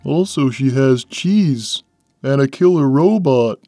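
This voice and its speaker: A woman voicing a big, gentle, simple-minded male cartoon cat with a placid, deadpan manner. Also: a bass voice, no room sound, faint music behind, exaggerated voice. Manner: placid, deadpan, plain and slow. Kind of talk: animated character Q&A, fan dub.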